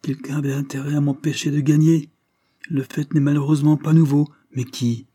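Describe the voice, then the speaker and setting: A man's voice: fairly high pitch, level tone, fairly quick, mellow, breathy edge, no room sound, studio quality, voice pushed up. A man reading as a shaken young jockey. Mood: alarmed. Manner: alarmed, indignant. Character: young male jockey, shocked and angry.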